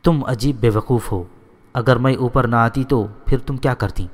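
A man voicing a gentle young woman in a storybook reading, calmly and in his own voice. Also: medium pitch, in a large hall, natural voice.

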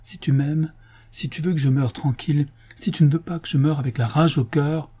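Casting: man voicing a dying officer, fierce, jealous, urgent, husky. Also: a little high, fairly even intonation, moderate pace, warm tone, pitched above the performer's own voice. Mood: pleading.

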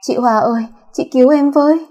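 A woman's voice: sits high, a little fast, warm tone, lo-fi sound, pitched above the performer's own voice. A woman voicing a terrified young woman who begs for help in frantic, stammering cries.

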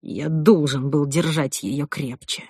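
A woman reading an audiobook voices a shaken young groom, speaking low and haltingly. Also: darkish tone, dry recording, studio quality. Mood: guilty. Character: shaken young groom, guilt-ridden and soft-spoken.

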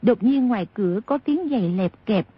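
Husky woman narrating a novel. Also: medium pitch, expressive, moderate pace, no echo. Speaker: audiobook narrator. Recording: dull lo-fi audio.

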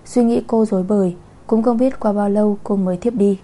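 A woman narrating a romance novel audiobook in a calm, even storytelling manner. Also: mid-range voice, a little fast.

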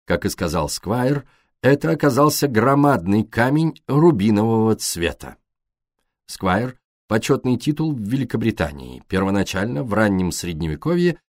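A man narrating a storybook in a calm, measured way, his mid-pitched voice moving with animated, lively intonation. The sound is dry and close. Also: no echo. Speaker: audiobook narrator. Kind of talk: scripted audiobook narration.

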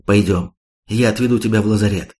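A man reading the part of a blunt, sharp-tongued male warrior in an audiobook. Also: lowish voice, steady tone, a little fast, close to an everyday voice.

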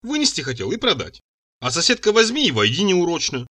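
A man voicing a calm, gloomy male servant who talks in a matter-of-fact way, in an audiobook reading. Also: on the high side, brisk, exaggerated voice.

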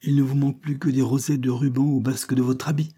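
A man reading an audiobook, voicing an irascible, sarcastic older spinster who scolds in loud outbursts. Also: lowish voice, expressive, normal speed, slightly rough. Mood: scolding. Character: irascible sharp-tongued older spinster woman.

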